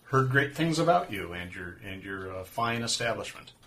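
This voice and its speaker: A man's voice: lowish voice, animated, moderate pace, a bit bright. Player guy fumbling thru his lines, faint hiss behind. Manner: hesitant, stumbling and laughing. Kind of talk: tabletop role-play chat.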